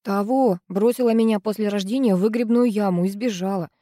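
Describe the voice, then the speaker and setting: A woman voicing a blunt, sullen teenage girl in an audiobook, speaking curtly and flatly. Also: mid-range voice, brisk, no room sound, clean studio sound, close to an everyday voice.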